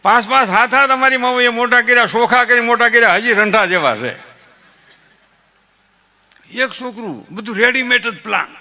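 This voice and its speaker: High, forceful Saurashtra Gujarati folk comedian. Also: male voice, moderate pace, pauses often. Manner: animated, laughs at own jokes, mimics family members. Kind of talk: folk stand-up storytelling.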